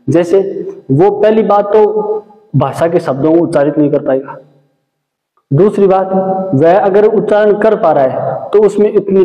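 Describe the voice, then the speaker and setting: Male teacher, higher voice, lecture delivery with lots of repetition; dull recording in an echoey hall. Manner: repeats and explains points, frequent "ठीक है" check-ins. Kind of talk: classroom lecture.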